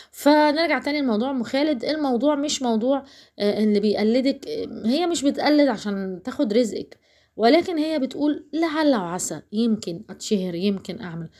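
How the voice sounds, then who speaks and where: Woman, Alexandrian Egyptian accent, cooking vlogger, rapid casual chatter, slightly high voice, talks straight to viewers. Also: darkish tone. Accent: Alexandrian Egyptian Arabic. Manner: chatty, rambling, addresses viewers directly.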